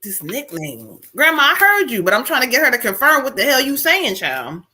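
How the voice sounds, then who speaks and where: A woman's voice: high voice, huge pitch swings, moderate pace, sharp tone, breathy edge. A woman medium giving a live spiritual reading, talking casually and calling the listener "child" as she relays messages. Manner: colloquial, calls the listener "child"; relays messages, switching into quoted lines. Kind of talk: live stream card reading.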